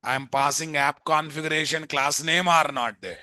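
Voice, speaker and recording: A man's voice: a little high, steady tone, normal speed, bright, forceful tone, no echo, clean studio sound. A man with a Telugu Indian accent teaching programming in a live online lecture, dictating notes, repeating phrases and quizzing listeners with tag questions. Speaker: programming instructor. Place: indoors, live screen-share online class.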